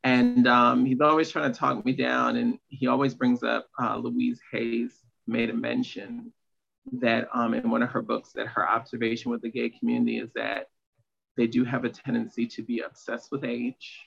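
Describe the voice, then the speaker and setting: Slightly muffled audio carries this late-thirties empowerment coach talking as a podcast guest in a candid personal conversation, confiding and emphatic. His voice is medium-pitched, a bit bright and slightly rough with vocal fry, delivered flatly at normal speed.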